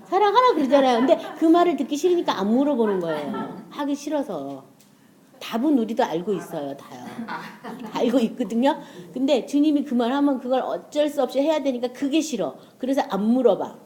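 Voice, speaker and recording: A woman's voice: on the high side, big pitch swings, a little fast, warm tone. A woman preacher giving a casual, conversational sermon and acting out prayers and inner voices.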